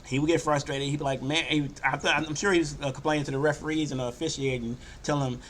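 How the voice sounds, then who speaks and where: A man's voice: a little high, fast, a little hiss or hum. Older man's casual sports podcast talk. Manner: loose, conversational, drops into animated quoted voices. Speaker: podcast host.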